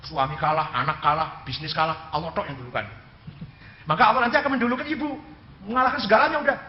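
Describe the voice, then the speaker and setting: A man giving a religious lecture in with a light tinge, animated and joking, acting out dialogues and quoting Arabic. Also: a little high, fast, a little hiss or hum. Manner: animated, mimics dialogue for humor, quotes Arabic. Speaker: Islamic cleric lecturing. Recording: echoey, slightly muffled hall recording.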